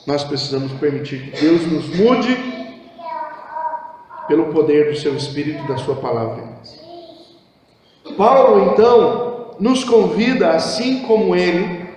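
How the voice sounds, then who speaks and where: A man with a Brazilian Portuguese accent preaching a sermon as pastor, with impassioned delivery that swings between hushed low phrases and raised exhortation, recorded in a church hall. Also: slight background noise. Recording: echoey church hall with long reverb.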